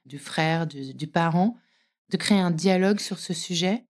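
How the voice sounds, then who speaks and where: A woman hosting a podcast interview, asking questions in a calm, attentive way. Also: lowish voice, normal speed. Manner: calm, attentive, short reactions. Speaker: podcast host. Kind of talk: interview conversation.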